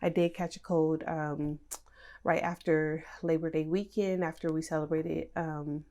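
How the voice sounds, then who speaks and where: Talking through her planner a little slowly, a young budgeting-channel host chats in a relaxed way about budget planning, sprinkling in plenty of fillers. Her slightly low voice is nasal, as if stuffed up from a cold.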